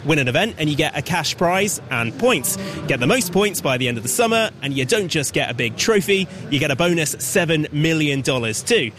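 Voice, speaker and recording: A man working as a reporter, delivering an upbeat, clearly narrated field report. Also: on the high side, animated, a little fast, a crowd in the background. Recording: outdoor noise behind.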